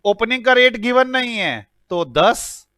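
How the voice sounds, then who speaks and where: A man's voice: very high voice, lively intonation, unhurried, bright, forceful tone, no room sound. A man teaching a class, working through sums aloud and joking with his students as he goes. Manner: teasing, joking with students while calculating aloud; mixes English numbers into Hindi speech. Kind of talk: classroom lecture solving problems.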